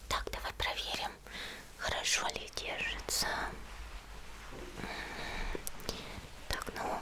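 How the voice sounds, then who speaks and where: A woman whispers an ASMR roleplay as a friendly, attentive monster girl, her breathy murmur gentle, caring and reassuring toward the listener. She speaks at a moderate, unhurried pace, lightly acted.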